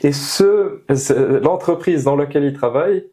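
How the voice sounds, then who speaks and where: This young engineer's voice is a little high and mellow, his pace measured, as he earnestly stresses his views in an interview and keeps coming back to key phrases. A lapel microphone picks him up in a small indoor meeting room.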